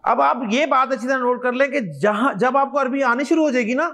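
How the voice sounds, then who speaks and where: A man's voice: extremely high pitch, fairly quick, fairly bright tone. A man teaching an Arabic class as a lecture, drilling word pairs with his students in call and response and encouraging them as he goes. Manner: encouraging, addresses students directly.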